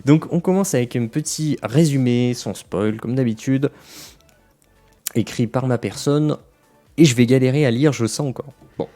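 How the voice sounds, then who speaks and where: A man talks his viewers through an anime ranking in a loose, rambling way, full of fillers and restarts. His voice is mellow and dark. Faint music sits quietly under the talk. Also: medium pitch, normal speed. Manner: addresses viewers directly. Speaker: anime reviewer. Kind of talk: casual spoken review.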